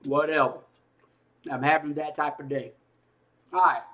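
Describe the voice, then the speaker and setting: A young man with a fairly high voice tells a story straight to camera. He is animated and exclaiming, repeats himself often, and keeps eating as he talks. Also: a little slow. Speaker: YouTube gaming channel host.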